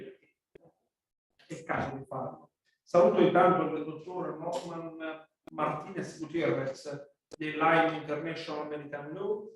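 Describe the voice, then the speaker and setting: A man with a Neapolitan accent gives a formal welcome speech as the official opening a conference. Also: fairly high pitch. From Naples, Italy. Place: echoey conference room. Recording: very echoey room, distant microphone.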